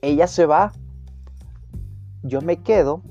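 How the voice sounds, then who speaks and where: A young Mexican man tells a casual, slangy story and acts out everyone's lines. His voice is mellow and dark. The audio is dull and muffled, with faint music underneath. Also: a little high, slow. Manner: slangy, lively storyteller who acts out the dialogue.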